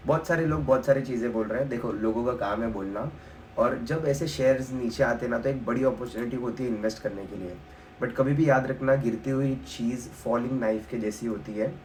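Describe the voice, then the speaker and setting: A man's voice: medium pitch, darkish tone, slight background noise. A man with an Indian accent walking through a stock analysis on screen, talking casually and checking in with his viewers again and again. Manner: casual, explanatory, repeats filler tag often. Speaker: stock market educator.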